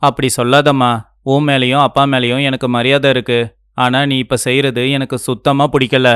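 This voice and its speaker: Man voicing a gentle, earnest young husband. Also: mid-range voice, little pitch movement, fairly quick, clear, resonant tone, dry recording, clean studio sound, natural voice. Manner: earnest, pleading. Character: kind young husband defending his wife. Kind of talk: cartoon voice acting.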